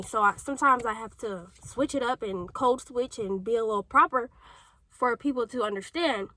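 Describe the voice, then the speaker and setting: A young vlogger from St. Louis, Missouri, with a local accent, tells her personal story to camera in a rambling, chatty way full of fillers and tangents. She sounds a little congested from a cold, and her fairly high, sharp voice comes through a low-quality recording with no room sound.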